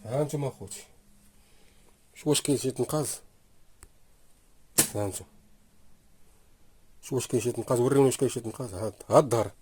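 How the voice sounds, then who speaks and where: A man's voice: medium pitch, fast, pauses often, noisy background. A man with a Moroccan Arabic accent, demonstrating a sewing machine in his workshop and talking to viewers as he sews. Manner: talks while sewing, repeats "here you go brothers". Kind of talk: casual product demonstration. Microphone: phone camera held close while working.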